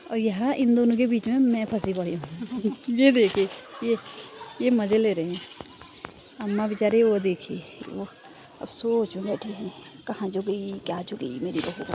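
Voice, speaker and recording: Higher-voiced woman, giggly vlog narration, outdoors on a roof. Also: dark tone, slight background noise. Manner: playful, giggly running commentary to viewers. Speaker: vlogger. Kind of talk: casual vlog commentary. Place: outdoors on a rooftop.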